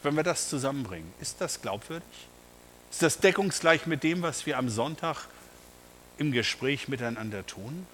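A man's voice: mid-range voice, animated, normal speed, fairly bright tone, in a large hall, a little hiss or hum. A man preaching a sermon, emphatic and speaking straight to his congregation with rhetorical questions. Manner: addresses the congregation directly.

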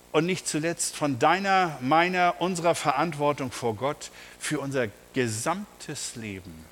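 A man preaches a sermon emphatically, addressing his congregation directly and using rhetorical questions. His voice is on the high side and a bit bright. There's a long reverb tail and a little hiss or hum.

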